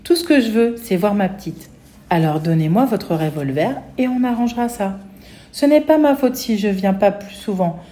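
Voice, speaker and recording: A woman reading aloud, voicing a desperate, tearful mother with a gun who shouts and pleads. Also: medium pitch, animated, moderate pace, lightly acted. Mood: distraught. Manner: loud, pleading.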